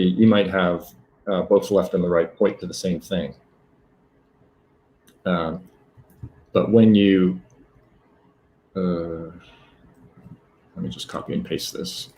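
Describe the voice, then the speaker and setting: Deep-voiced man demoing code haltingly. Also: steady tone, a little mellow, poor audio. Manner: halting, many fillers and self-corrections. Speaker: presenter. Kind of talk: live technical demo.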